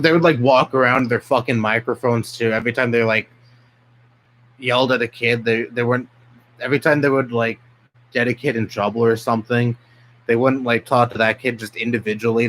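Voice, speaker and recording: A man's voice: mid-range voice, fairly even intonation, fairly quick, a bit bright, a little hiss or hum, rough recording. A young man from New York City, a streamer ranting bluntly and profanely in casual live-stream chat. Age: young adult.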